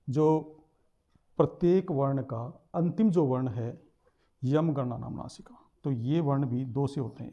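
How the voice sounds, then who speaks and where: A man's voice: fairly high pitch, dark tone, lo-fi sound. A man teaching a lesson, explaining step by step, repeating terms and sounding out letters.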